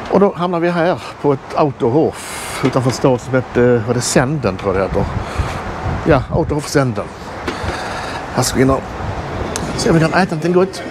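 A middle-aged travel vlogger narrates his road trip into an action camera held at arm's length, walking outdoors and through a roadside rest stop. His mid-range voice has lively intonation over a noisy background, and his casual commentary is chatty and enthusiastic, like a tour guide's.

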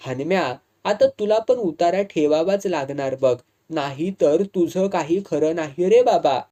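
A man reads a superstitious villager in a storybook tale, earnest and full of warnings. The voice is warm and mellow, sitting a little high. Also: measured pace, lightly acted.

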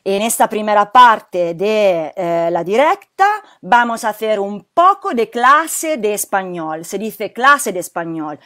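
Teacher lady, talks real slow n careful, kinda far from the mic. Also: medium pitch, expressive, pushed and bright. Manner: slow, careful explaining with many fillers. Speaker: Spanish teacher. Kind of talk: live online language lesson.

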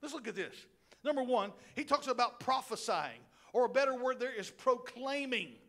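A middle-aged male pastor preaching a sermon in a church, animated and joking, with asides to the congregation. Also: very high voice, moderate pace. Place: church sanctuary.

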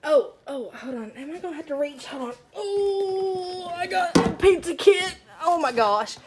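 A young woman chatting excitedly as she unpacks groceries at home, with self-mocking asides and bursts of delight. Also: extremely high pitch, measured pace, noisy background. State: out of breath. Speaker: stay-at-home mom vlogger. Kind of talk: casual grocery haul chat. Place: home kitchen. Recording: rustling bags and clicks behind.

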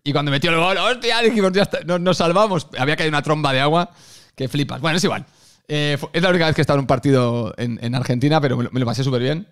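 A man's voice: on the high side, racing, clean tone. A Spanish man with a Galician accent, a football youtuber chatting and telling stories to his viewers. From Spain. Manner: animated, chatty, addresses viewers directly. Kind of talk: casual fan commentary and storytelling.

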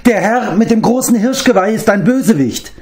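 A man's voice: high-pitched, expressive, moderate pace, darkish tone, voice pushed up. A man reading an audiobook, voicing a servile, self-pitying male beast-man who whines and speaks of himself in the third person. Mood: whining.

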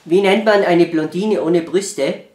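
A man telling jokes after breathing helium, his voice raised until he sounds like a woman, delivering each punchline slowly. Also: high-pitched, a little mellow, echoey room. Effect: helium-raised voice that makes a man sound like a woman. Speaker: family channel participant telling jokes.

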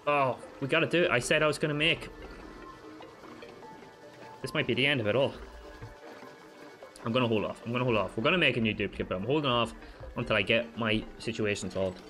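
A man giving let's play commentary as a gaming channel host, frantic and swearing, talking to himself and his viewers, his pitch jumping up sharply whenever he panics. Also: brisk, pauses often, pushed and bright, soft background music.

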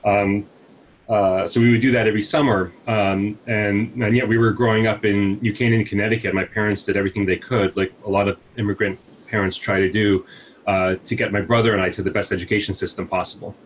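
A US man in his forties, a nonprofit CEO, answers interview questions over a video call on wired earbuds from a small room at home. His lowish voice barely moves in pitch and runs fairly quick, thoughtful and reflective but full of fillers and restarts. The low-quality recording carries a little hiss or hum.

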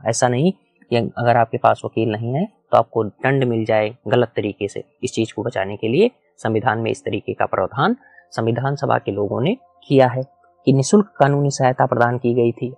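A man's voice: medium pitch, vocal fry, darkish tone, slightly rough, no echo. A man teaching a whiteboard lecture, explaining step by step, repeating key points and asking the class questions. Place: small room with a whiteboard.

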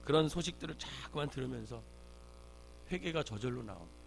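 A man's voice: medium pitch, lively intonation, fairly quick, vocal fry. A man preaching an early-morning sermon as pastor, earnest, rising in force when he quotes scripture. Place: church sanctuary. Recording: faint mains hum.

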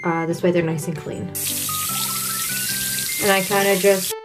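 A young woman giving a relaxed, chatty DIY tutorial with lots of filler words, sitting on her living-room floor and recorded by a camera a few feet away. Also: lowish voice, unhurried, music in the background, rough recording. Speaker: pet care vlogger.

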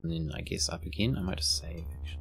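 A man commentates casually on a game with joking asides. His voice is low and a little creaky, over quiet game music. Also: fast talker. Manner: laid-back, joking asides. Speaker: gaming video host. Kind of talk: casual let's play commentary.

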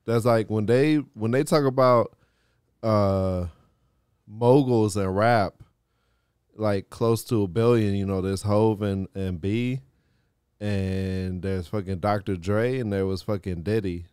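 A man's voice: lowish voice, fairly even intonation, slow, a little mellow, smooth, dry recording, clean studio sound. A man co-hosting a podcast, rambling with lots of fillers and swearing in casual chat. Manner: rambling, full of fillers, profane. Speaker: podcast co-host.

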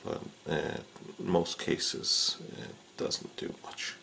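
A man speaks slowly in a sharp tone as he demonstrates fishing rod repair at an indoor workbench. The how-to is casual and unhurried, sprinkled with frequent filler sounds. A little hiss or hum is audible.

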